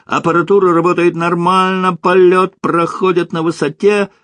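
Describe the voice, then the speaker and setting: A man's voice: sits high, level tone, moderate pace, fairly bright tone, dry recording, pitched above the performer's own voice. A man voicing a cocky, joking young man with playful, mocking banter in a story reading. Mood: teasing.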